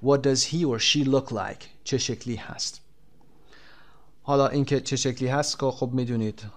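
A male teacher giving a classroom language lesson, explaining in Persian and reading English example words slowly and clearly. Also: mid-range voice, steady tone.

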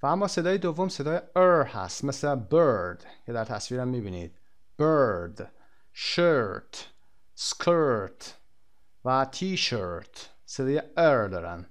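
A man's voice: medium pitch, big pitch swings. Man, Persian accent, English teacher recording a textbook lesson, mid-range voice, careful spelled-out delivery. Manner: switches between explanation and slow, deliberate English model sentences.

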